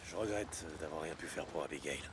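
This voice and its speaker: An actor playing a gruff, blunt, sardonic drifter with a gravelly voice in a video game. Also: male voice, very deep voice, fairly quick, noisy background. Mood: low, concerned. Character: gruff, sardonic drifter biker, adult man.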